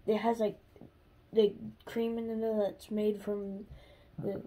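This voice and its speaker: A woman's voice: medium pitch, level tone, unhurried, warm tone, poor audio. A woman co-hosting a casual snack-tasting video, chatty and rambling as she searches for words. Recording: home video with clear background hiss.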